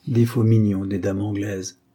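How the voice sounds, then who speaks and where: Husky, dark-toned male audiobook narrator. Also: lowish voice, flat delivery. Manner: measured, storytelling. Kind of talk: reading a 19th-century adventure novel.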